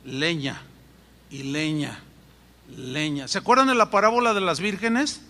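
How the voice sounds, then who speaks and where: A man preaches a sermon in an animated way, slipping into voices for his anecdotes. His voice sits high and rings bright. The sound comes from a hall with a long, trailing reverb. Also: a little slow. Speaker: pastor.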